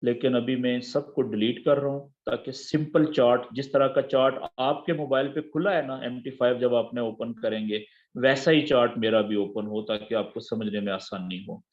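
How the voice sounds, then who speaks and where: A man walks learners through a trading app, repeating each term and checking in often. His voice sits at a middle pitch. The audio is dull and lo-fi. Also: moderate pace. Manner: patient, repeats key terms and checks understanding. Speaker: forex trading teacher. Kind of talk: screen-share tutorial.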